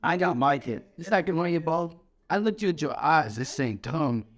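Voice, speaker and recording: A young man co-hosting a podcast, telling a story in animated, slangy, profane casual chat. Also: fairly high pitch, moderate pace. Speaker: podcast co-host.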